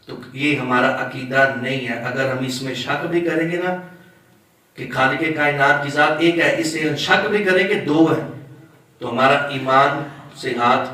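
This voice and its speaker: A man's voice: on the high side, bright, forceful tone, very echoey, recorded from a distance, low-quality recording. A man teaching the rules of prayer as an Islamic scholar, explaining step by step and drawing out words to demonstrate them. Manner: explains slowly, draws out words when demonstrating; asks listeners questions. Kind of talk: religious lesson on prayer rules.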